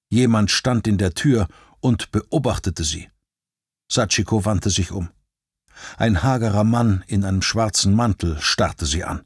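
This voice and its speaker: Brief: male audiobook narrator, measured and steady, somewhat low voice. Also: husky, no room sound, clean studio sound.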